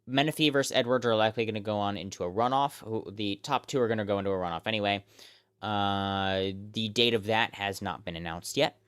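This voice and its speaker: An American man hosting live, off-the-cuff election results commentary, reeling off figures and place names in a halting, repetitive way. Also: on the low side, a bit bright, smooth, no room sound, studio quality. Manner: halting, often repeats himself, reels off figures and place names. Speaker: election night live stream host.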